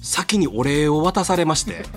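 A man's voice: a little high, moderate pace, gravelly, soft background music. A man with a Kansai accent, a voice actor guest chatting casually and acting out the people he quotes. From Kansai, Japan. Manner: animated storyteller, acts out quotes. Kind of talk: casual chat.

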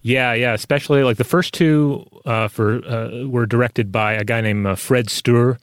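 A man co-hosting a podcast, explaining casually in halting, hesitant phrases. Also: medium pitch, fairly even intonation, dry recording, clean studio sound. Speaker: podcast co-host.

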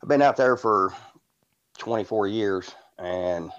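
A man in his forties from Indiana speaks in a very low voice, telling his story casually and rambling with fillers and restarts. His audio sounds dull and lo-fi, as over a call. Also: slow pace, a bit bright. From Indiana, USA. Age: 40s. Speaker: podcast guest.

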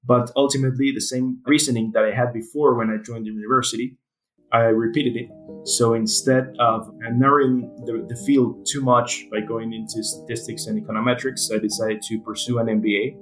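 A man's voice: mid-range voice, level tone, brisk, a bit bright, faint music behind, low-quality recording. A man in his thirties from Ecuador, speaking English as a guest, answering with many fillers and restarts. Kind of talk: casual interview answers.

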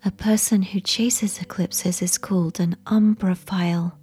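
Slow whispering woman, sleep story. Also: lowish voice, fairly even intonation, slightly rough. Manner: soft unvoiced whisper, slow and soothing.

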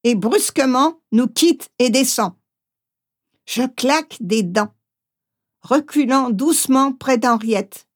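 A woman reading a first-person memoir aloud, gently, acting out the voices she quotes. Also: high-pitched, takes it slowly, long pauses. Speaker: audiobook reader.

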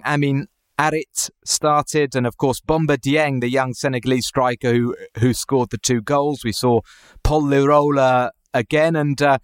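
A man's voice: medium pitch, smooth, no echo. Male football podcast host, dry sound. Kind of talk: conversational football podcast presenting.

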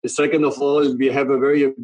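A middle-aged German man with a strong German accent, a guest representing his company, earnestly explains a product at length in an interview, in long run-on sentences. His mid-range voice is level, a little fast and slightly mellow. The low-quality recording has no room sound.

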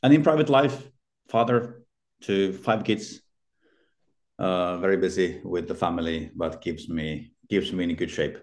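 In a low, slightly mellow voice and at a measured pace, a middle-aged Finnish healthcare consultant answers questions in a casual podcast interview. His speech is hesitant, packed with fillers and restarts.

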